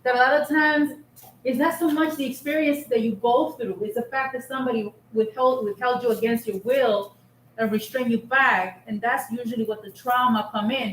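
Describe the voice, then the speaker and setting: Counselor woman in an echoey room. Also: a little high. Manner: guiding, asks reflective questions. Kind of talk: group counseling. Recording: echoey room, faint noise.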